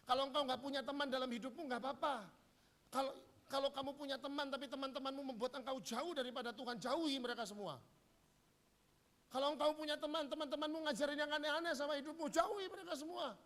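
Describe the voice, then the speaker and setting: A man's voice: very high-pitched, fairly even intonation, fast, fairly bright tone. A middle-aged man preaching in church, joking and acting out little dialogues. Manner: humorous, acts out quoted dialogue. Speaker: pastor. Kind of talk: sermon.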